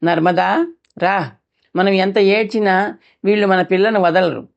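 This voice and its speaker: A woman's voice: medium pitch, fairly even intonation, unhurried, gravelly, highs cut off. A woman voicing an aging village father who is grieving and resigned, in an audiobook.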